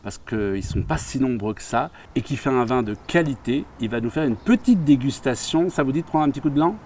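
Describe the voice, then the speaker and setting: A man's voice: medium pitch, a little fast, background noise. A male TV host doing an enthusiastic, playful interview, joking with his guests. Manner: lively, jokey, playful. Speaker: TV show host. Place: outdoors at a country guesthouse.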